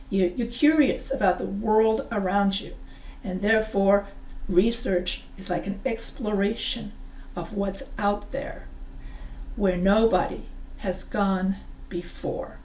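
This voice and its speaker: Speaking into her webcam without a script, a middle-aged woman who teaches English composition explains her lesson with plenty of hand gestures; French is not her native language. Her voice sits at a medium pitch with a slightly mellow quality, and the echoey recording places her somewhat far off.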